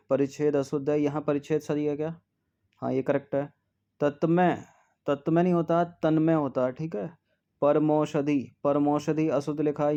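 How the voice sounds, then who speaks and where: A man working through test answers as a tutor, dwelling on each spelling and saying it twice. His voice sits a little high but stays flat and even. The tone is mellow and soft rather than bright. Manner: drills spellings slowly, repeats words, frequent "ठीक है". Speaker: Hindi exam tutor. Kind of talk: test-series answer walkthrough.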